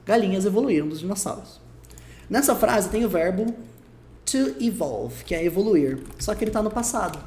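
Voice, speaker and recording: Animated Brazilian teacher in echoey room. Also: male voice, high voice, slight background noise. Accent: Brazilian Portuguese. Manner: patient, repeats words slowly to model pronunciation. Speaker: English teacher. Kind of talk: online English lesson. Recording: roomy echo.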